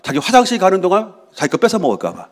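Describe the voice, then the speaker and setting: A middle-aged pastor preaching a Sunday sermon in a church. His voice sits a little high for a man and swings widely in pitch as he talks. He asks the congregation questions and answers them himself, and sometimes acts out voices. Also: sing-song, rapid-fire. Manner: acts out voices of quarreling people. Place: church sanctuary.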